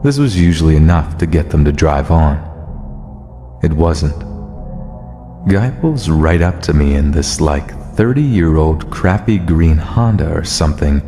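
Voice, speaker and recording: A man reading a first-person horror story as scripted narration, in a steady, low-key way. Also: a little slow. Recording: long reverb over music. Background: soft music.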